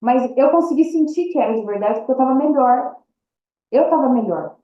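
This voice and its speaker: A woman's voice: high-pitched, expressive, a little fast, a little hiss or hum. Woman telling her story, echoey room. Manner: storytelling that acts out quoted dialogue. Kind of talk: personal testimony. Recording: echoey room, dull lo-fi sound.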